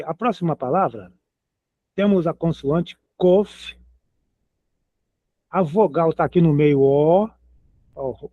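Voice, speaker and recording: Slow-paced male teacher, tinny sound. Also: on the high side, no room sound. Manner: patient, spells out letters and repeats words. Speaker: Hebrew teacher. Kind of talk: slow explanatory lesson. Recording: dry, tinny phone-like sound.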